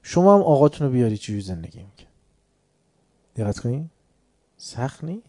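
A man preaching a religious lecture in a dark, mellow voice. He quotes Arabic phrases and then explains them. His delivery swings from hushed asides to loud, emphatic declarations. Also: mid-range voice, sing-song.

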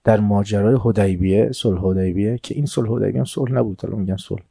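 Man preaching in a dark, low voice. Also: fairly even intonation, creaky, breathy edge, dry recording, clean studio sound. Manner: retells stories with quoted dialogue and recited Arabic, swinging from soft to emphatic. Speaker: religious lecturer. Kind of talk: religious lecture with storytelling. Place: room before a seated audience.

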